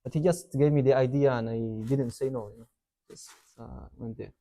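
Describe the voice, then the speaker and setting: This young man, a university student from Yemen who grew up in Saudi Arabia, sounds dark, relaxed and rambling in a casual interview. His mid-range voice keeps a moderate pace, and "like" and "you know" pop up constantly.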